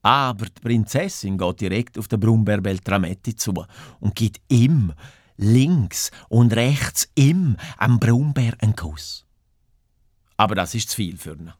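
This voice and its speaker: A man reading a children's story with lively, animated storytelling. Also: lowish voice, unhurried, no echo, studio quality.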